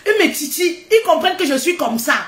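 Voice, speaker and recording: A woman giving a casual motivational talk, loud and laughing often, repeating phrases for emphasis. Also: very high voice, lively intonation, fairly quick, reverberant.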